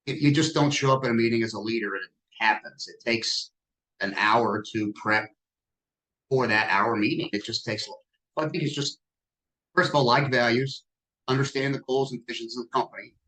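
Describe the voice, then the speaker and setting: A sixty-year-old man talks about his company as a podcast guest. His voice sits in an ordinary middle range, and he speaks in a relaxed, self-deprecating, conversational way. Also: medium pitch, normal speed, low-quality recording. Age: 60s. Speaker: guest business owner. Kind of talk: podcast interview.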